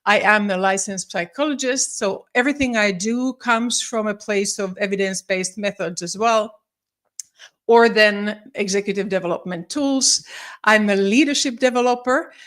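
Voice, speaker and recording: A Finnish psychologist and leadership coach in her forties gives a live-streamed talk in a mid-range, fairly bright voice at a moderate pace. She's friendly but slightly formal in her phrasing, with lots of ums and restarts.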